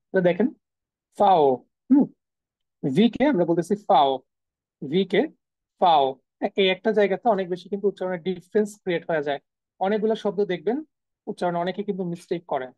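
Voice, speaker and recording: A woman's voice: on the low side, quick pace, mellow, no echo, dull audio. A woman teaching a live online class, repeating each sound several times and answering her own questions. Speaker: German language teacher. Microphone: video call.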